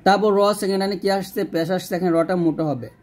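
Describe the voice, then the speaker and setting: A man teaching Quran reading, explaining rules patiently and drawing out slow recited examples. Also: high voice, darkish tone. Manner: patient step-by-step explanation, asks and answers own questions.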